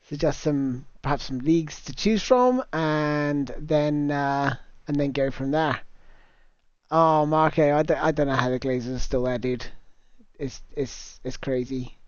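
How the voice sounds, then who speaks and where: Chatty streamer, dry lo-fi mic. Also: male voice, fairly high pitch, unhurried, clean tone, no room sound. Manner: chatty, reads out viewer comments, laughs easily. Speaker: livestream host. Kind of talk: casual livestream chat with viewers. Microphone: new cheap microphone.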